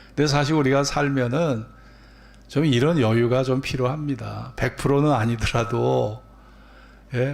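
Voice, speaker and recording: Male pastor, gravelly voice, mid pitch, Sunday sermon in church, repeats himself and checks in with the pews. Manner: repeats phrases, prods listeners with quick questions. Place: church sanctuary.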